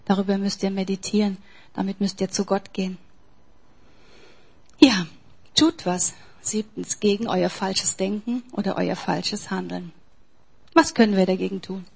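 A woman preaching a sermon in an emphatic way, swinging between soft, near-whispered passages and forceful, raised lines. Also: mid-range voice, fairly even intonation, a little slow, gravelly, long pauses, husky.

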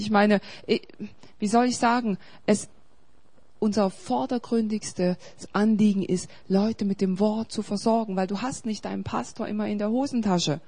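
A woman pastor preaches, her voice sitting at an ordinary middle pitch. She moves from loud, urgent appeals to a low, intimate storytelling tone and back again. It is the delivery of someone who talks to a congregation every week. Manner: emphatic, swings between loud urging and quiet storytelling. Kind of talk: sermon.

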